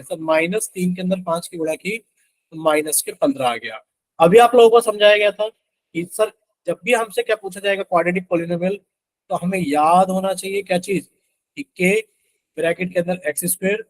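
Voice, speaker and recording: There's no room sound around this high male voice: a young man leading a live online math class. He quizzes the students over and over and voices their replies himself as "sir."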